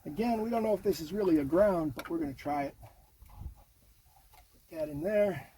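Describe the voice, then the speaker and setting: The audio is poor as a middle-aged DIY car host, his voice fairly high and dark in tone, narrates at normal speed. Working inside a vehicle cabin with open doors, he muses aloud in a folksy, casual manner, with clear background noise and handling clicks audible.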